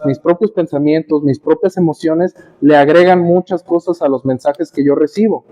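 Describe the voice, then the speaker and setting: A man's voice: on the high side, warm tone, dull audio. A man speaking to a workshop audience about family conflicts, conversational, with personal examples and rhetorical questions.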